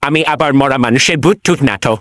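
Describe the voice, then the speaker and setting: A man's voice: on the high side, quick pace, a bit bright, dry recording, studio quality, close to an everyday voice. A man voicing a cheeky, self-assured folk trickster mullah in a cartoon, wheedling and boastful in a playful way. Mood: wary, joking.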